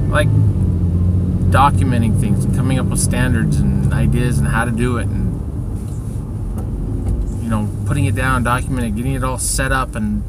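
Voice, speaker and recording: A man's voice: medium pitch, heavy background noise. A middle-aged man rambling through a downbeat, self-pitying personal rant, recorded inside a vehicle. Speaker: vlogger.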